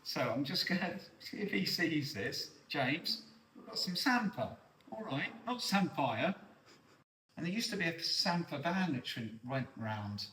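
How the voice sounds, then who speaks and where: A middle-aged chef and host from North Norfolk, England, speaks in a fairly high voice at normal speed with a Norfolk accent, relaxed and chatty as he explains each step of a cooking demonstration. He's first outdoors on salt marshes, then in a home kitchen. The mic is distant, so his voice sounds roomy, with a faint background hiss.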